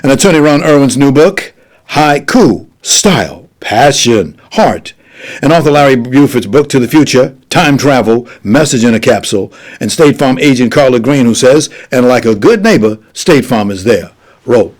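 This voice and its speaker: A man's voice: mid-range voice, animated, moderate pace. A man hosting an interview show, giving formal, effusive introductions and asking questions. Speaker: talk show host. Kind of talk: radio-style interview hosting.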